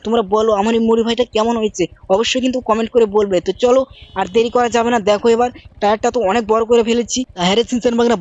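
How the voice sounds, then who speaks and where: A woman hosting a gaming channel, narrating her play with rapid, bossy banter in an uncle role. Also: on the high side, darkish tone, highs cut off. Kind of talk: game role-play commentary.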